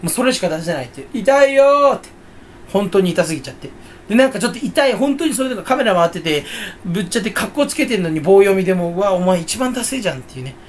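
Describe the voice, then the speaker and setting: A man's voice: sits high, big pitch swings, rapid-fire, a little hiss or hum. A man talking to himself in a casual, rambling solo monologue, joking and mocking himself. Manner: self-mocking, jokey, rambling. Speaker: channel host.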